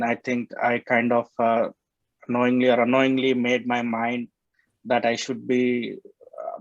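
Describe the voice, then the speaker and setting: A man in his forties from India with an Indian English accent, introducing himself at a club meeting over a video call, halting and full of fillers. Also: medium pitch, no room sound, muffled recording. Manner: halting, many fillers and restarts. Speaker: club member giving a self-introduction. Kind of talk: virtual club meeting talk.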